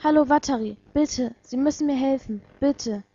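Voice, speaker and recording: A woman's voice: high voice, moderate pace, warm tone, highs cut off. A woman voicing a desperate nineteen-year-old girl who pleads tearfully for help on the phone. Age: young adult.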